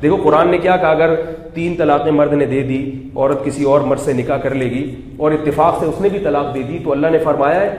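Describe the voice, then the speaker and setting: Animated man lecturing in an echoey hall. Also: fairly high pitch. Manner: animated, asks the audience rhetorical questions; humorous asides that draw laughter. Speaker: Islamic scholar giving a weekly talk. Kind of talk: Urdu religious lecture, conversational. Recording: echoey hall with faint background noise.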